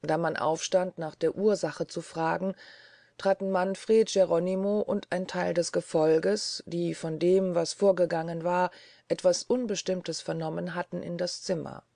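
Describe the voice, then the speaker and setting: A woman reads a classic novel aloud in a measured, even style. Her voice is warm and dark, with a gravelly, creaky texture. The recording is dry and close. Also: on the low side, no echo. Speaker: audiobook narrator. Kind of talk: scripted narration.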